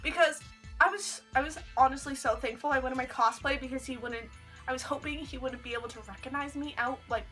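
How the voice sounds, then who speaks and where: Bright high-voiced young woman. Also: low-quality recording. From Canada. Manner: chatty, heavy use of "like", animated retelling. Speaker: vlogger. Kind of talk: casual storytelling.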